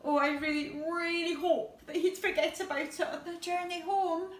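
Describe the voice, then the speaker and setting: With an extremely high pitch but fairly even intonation, a woman teacher reads a picture book to young children at a moderate pace, as a bedtime story. She still reads expressively, drawing out words and adding asides. The room echoes and the mic sits far away.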